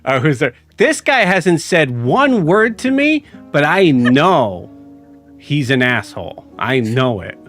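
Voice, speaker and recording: A game master voicing a young, defensive desert local in a tabletop game, whiny and quick to take offense. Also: mid-range voice, sing-song, fairly bright tone, faint music behind. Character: defensive twenty-year-old desert local. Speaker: non-player character in a tabletop game.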